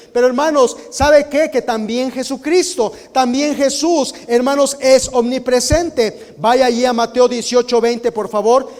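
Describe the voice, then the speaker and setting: A man's voice: very high voice, darkish tone, big-room sound. A man, a guest missionary, teaching a Sunday school Bible lesson, earnest and nervous, often stumbling and repeating words. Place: church sanctuary.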